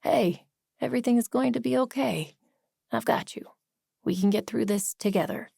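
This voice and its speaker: A woman's voice: a little high, normal speed, creaky, husky, no echo, studio quality, pitched above the performer's own voice, full character voice. A woman voicing a sarcastic, teasing male best friend who works as a private eye, in an audiobook. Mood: gentle. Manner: sarcastic, teasing, then gentle. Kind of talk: audiobook character voice.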